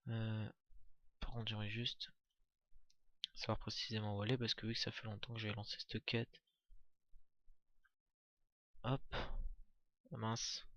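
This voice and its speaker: A man's voice: on the low side, a bit bright, no room sound, muffled recording. A man giving casual, chatty commentary on a game walkthrough, hesitant, with many fillers and restarts. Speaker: gameplay commentator.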